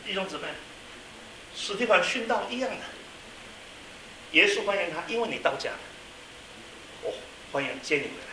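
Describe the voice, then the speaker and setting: A man preaching a sermon as a pastor, telling a story and swinging from quiet asides to loud exclamations. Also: high-pitched, expressive, moderate pace, long pauses. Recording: echoey hall, mic at a distance, faint hiss.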